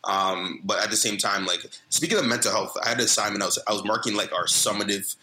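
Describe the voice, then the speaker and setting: A man's voice: on the low side, fast, bright, forceful tone, rough recording. A man co-hosting a casual chat, slangy and repeating phrases for emphasis. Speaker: show co-host, teacher.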